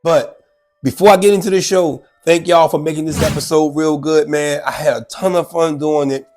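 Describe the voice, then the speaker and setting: A sick, stuffed-up show host with a higher-pitched voice talks at normal speed while faint music plays behind him. He chats animatedly and casually about a news clip, repeating himself often.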